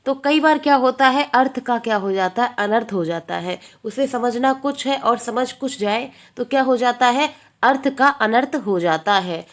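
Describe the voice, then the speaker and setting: A woman's voice: on the high side, moderate pace. Woman teacher asking and answering herself. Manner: repeats points, asks and answers her own questions. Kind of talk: exam-prep classroom lesson.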